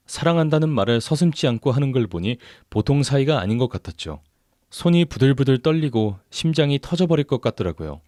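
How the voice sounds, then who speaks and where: A man's voice: medium pitch, sing-song, a little fast, warm tone, no echo, clean studio sound. A man reading a listener's story aloud in scripted narration.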